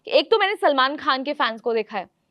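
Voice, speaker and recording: A woman's voice: high voice, expressive, a little fast, no echo, highs cut off. A woman co-hosting a casual chat, talking in an opinionated way with frequent fillers. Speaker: co-host.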